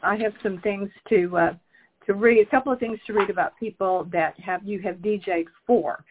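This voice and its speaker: A woman hosting a podcast interview, enthusiastic and halting with frequent restarts. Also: mid-range voice, slight background noise. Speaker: podcast host. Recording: phone-like narrow audio.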